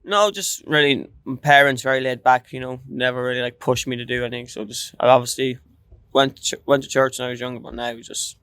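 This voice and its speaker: A man's voice: mid-range voice, steady tone, fairly quick, fairly bright tone, clean tone, no room sound. A young man with an Irish accent chatting casually in a laid-back, noncommittal way. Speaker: street interviewee. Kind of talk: casual chat.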